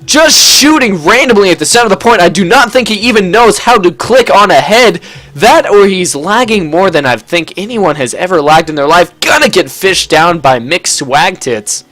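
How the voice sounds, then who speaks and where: A young man giving jokey, casual play-by-play commentary on an online match, talking quickly and tripping over his words now and then. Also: sits high, animated, fairly bright tone. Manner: rapid, jokey play-by-play with stumbles. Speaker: game commentator. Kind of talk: casual live game commentary.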